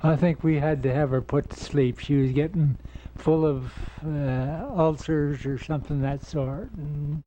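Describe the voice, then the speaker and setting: An older man reminiscing over family home movies in a halting way, captured on old camcorder audio. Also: a little high, steady tone, warm tone, low-quality recording. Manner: hesitant, halting with fillers.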